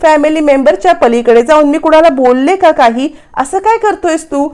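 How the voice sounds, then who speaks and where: A woman's voice: sits high, moderate pace, darkish tone, pitched above the performer's own voice, lightly acted. A woman voicing a quarrelsome young wife who defends herself with rising, indignant questions.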